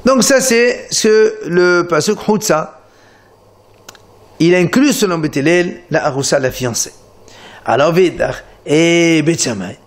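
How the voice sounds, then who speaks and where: Animated man teaching Talmud. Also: a little high, takes it slowly. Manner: animated explanation, many restarts, Hebrew terms. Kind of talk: Talmud lesson explaining a page. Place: Marseille study center.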